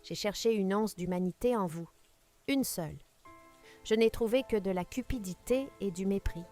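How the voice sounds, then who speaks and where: Solange, a gravelly stern old matriarch, as a woman narrator reads her. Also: mid-range voice, normal speed, mellow, faint music behind, lightly acted. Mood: cold, commanding. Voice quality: hoarse, gravelly. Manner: articulates every syllable, cutting. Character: stern elderly matriarch, icy and commanding.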